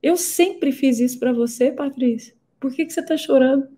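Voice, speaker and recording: Woman doing a fretting older mom: high, mellow, insistent. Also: normal speed, breathy edge. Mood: puzzled. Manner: fretful, insistent repetitions. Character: fussy caring older mother, gently scolding.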